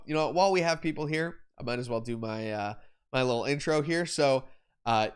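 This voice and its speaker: A man's voice: mid-range voice, clean tone. A young adult man hosting a live photography Q&A stream, explaining lighting setups in a rambling, self-correcting way with fillers and repeated words. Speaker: photography livestream host.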